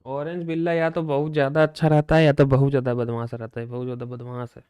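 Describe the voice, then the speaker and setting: A man's voice: mid-range voice, level tone, quick pace, darkish tone, smooth. A man, a game streamer at home, coaxing his cat in doting baby talk between casual chat. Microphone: desk microphone.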